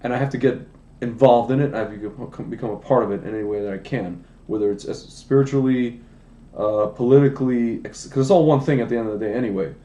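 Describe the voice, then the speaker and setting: Warm and mid-range, his voice comes fast over a lo-fi, reverberant recording. As a podcast guest on an indoor livestream, this American wine business founder in his late thirties tells his life story in a rambling, casual way, often restarting and wandering into asides.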